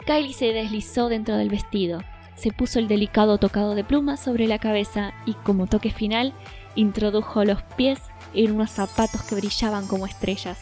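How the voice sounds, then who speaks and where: A woman narrating a children's story in a gentle, measured way. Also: medium pitch, steady tone, soft background music.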